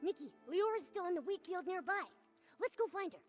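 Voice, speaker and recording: Cute curious video game sidekick creature: very high, swooping, expressive, over faint music. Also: female voice, brisk. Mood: brisk. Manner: animated, expressive. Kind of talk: scripted game dialogue.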